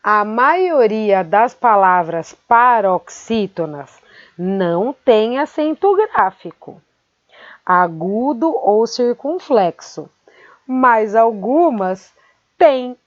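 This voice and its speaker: A woman teaching a grammar lesson, speaking slowly and carefully and repeating words syllable by syllable. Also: a little high, very animated, dry recording. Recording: dry, dull lo-fi sound.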